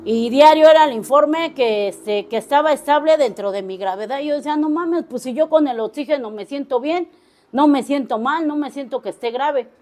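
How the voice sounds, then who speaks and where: A woman's voice: sits high, normal speed, a little mellow. A middle-aged woman with a Mexico City accent giving a personal testimony to a recovery group, telling her story bluntly and crudely with heavy slang. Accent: Mexico City Spanish. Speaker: speaker at a recovery meeting.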